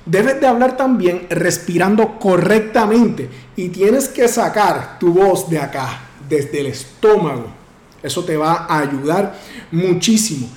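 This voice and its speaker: A man coaching on public speaking, projecting his voice firmly with big deliberate swings in pitch. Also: expressive, a little mellow. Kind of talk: instructional talk to camera. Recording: roomy echo.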